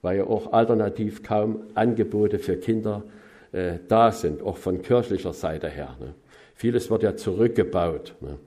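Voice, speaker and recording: A middle-aged man from Saxony, reporting on mission work to a congregation in a folksy way, tagging on questions often and swinging between loud emphasis and soft asides. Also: on the low side, moderate pace. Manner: folksy, with frequent tag questions. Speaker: missionary preacher.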